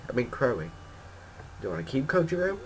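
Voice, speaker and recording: A fussy video game village woman who fusses over her cuckoos and chats away about them, as a man reads her lines aloud. She sounds chatty and pleased, with a voice of middling pitch. There is a faint noise behind her. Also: very animated, brisk, natural voice, low-quality recording. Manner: reads game text aloud in a lightly put-on voice.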